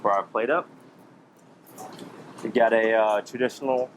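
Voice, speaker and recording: Low-voiced man demonstrating a dish. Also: steady tone, measured pace, a little hiss or hum, rough recording. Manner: explains step by step with fillers. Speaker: chef. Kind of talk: cooking demonstration.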